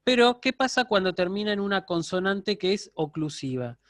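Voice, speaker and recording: A man's voice: sits high, expressive, moderate pace, fairly bright tone, no room sound, studio quality. A man giving a university lecture online, explaining step by step and checking in with his students. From Argentina.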